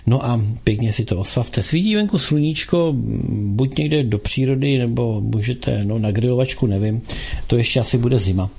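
Gravelly husky male radio host. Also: mid-range voice, mellow. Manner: rambling, halting, with frequent filler sounds. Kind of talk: casual call-in radio talk.

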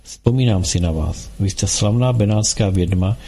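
Guy reading a hoarse dying cardinal, quiet and wheezy, low gravelly voice. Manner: quiet, weary. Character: wounded dying male cardinal, gentle, about forty.

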